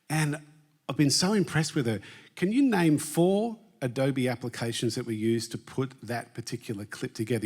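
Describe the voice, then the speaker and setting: A man giving a jokey, chatty talk on a conference stage and quizzing the live audience. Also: on the high side. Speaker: conference presenter.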